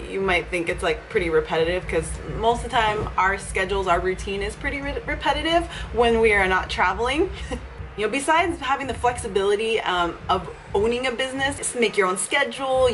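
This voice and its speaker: A young woman who owns a gym and vlogs about fitness chats casually from a small indoor office with a leather couch. Her voice is fairly high and a bit bright, she's upbeat and laughs often, and there's a little hiss or hum.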